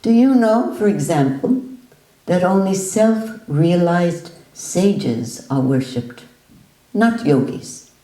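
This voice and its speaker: A woman's voice: on the low side, expressive, moderate pace, few pauses, mellow, roomy sound, pitched above the performer's own voice, lightly acted, poor audio. A woman voicing a stern elderly male Indian sage who fires brusque, challenging questions.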